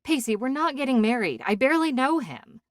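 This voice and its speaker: A man voicing a young pregnant woman in an audiobook, soft and shaky at times, then firm and scolding. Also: very high voice, big pitch swings, fairly quick, no room sound, studio quality, pitched above the performer's own voice, heavily acted. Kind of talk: audiobook character voice.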